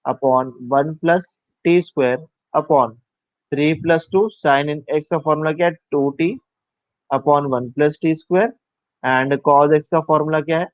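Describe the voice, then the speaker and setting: A man's voice: fairly high pitch, steady tone, measured pace, no echo. A man teaching a live online maths class, talking through each step aloud, mixing English maths terms into Hindi and asking his students questions. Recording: dull, dry lo-fi sound.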